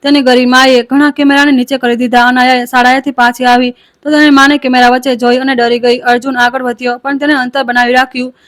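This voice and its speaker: A woman narrating a scripted family story in a steady, measured reading voice. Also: high voice.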